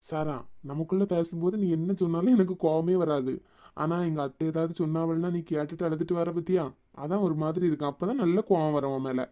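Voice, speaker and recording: Woman voicing a quick-talking young cartoon husband with a Kanyakumari accent. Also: low-pitched, fairly even intonation, dark tone, natural voice. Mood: coaxing. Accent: Kanyakumari Tamil. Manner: fast, chatty and coaxing. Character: young husband, patient, teasing. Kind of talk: cartoon web series dialogue.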